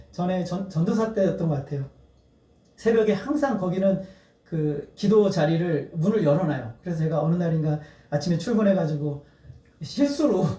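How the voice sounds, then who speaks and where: A man's voice: sits high, warm tone. A male pastor preaching a sermon, earnest and building to emphatic appeals, breaking into laughter. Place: church sanctuary. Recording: echoey church hall, mic at a distance.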